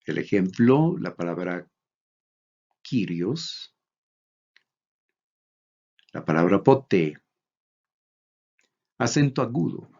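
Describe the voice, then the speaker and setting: Deep-voiced man giving a slow lecture. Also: sing-song, darkish tone. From Bolivia. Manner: slow, deliberate, reads out examples. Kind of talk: recorded lecture on Greek accents. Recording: dull lo-fi recording.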